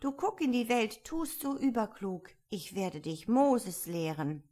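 A woman voicing a polite, timid young girl in a storybook reading, pitched up and eager. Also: sing-song, measured pace, mellow. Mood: reciting. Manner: higher, eager, slightly tearful. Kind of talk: audiobook character voice.

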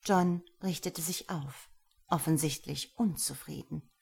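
A woman narrating an audiobook in an intimate, breathy way. Her voice sits low and sounds husky, and she reads unhurriedly. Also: unhurried, a little mellow.

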